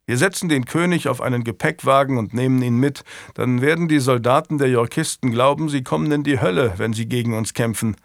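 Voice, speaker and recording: A man's voice: mid-range voice, brisk, creaky, hardly any pauses, no room sound, studio quality, natural voice. Male reader playing a weary knight: frank, wry, plain voice. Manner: wry, candid.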